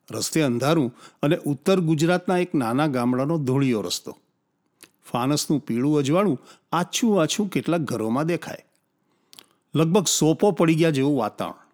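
Male storyteller, calm and descriptive, slightly high pitch. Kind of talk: scripted story narration.

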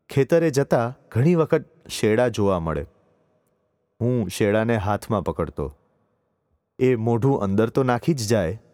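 Low-voiced man narrating a story. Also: darkish tone. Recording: dry voice with long reverb tail.

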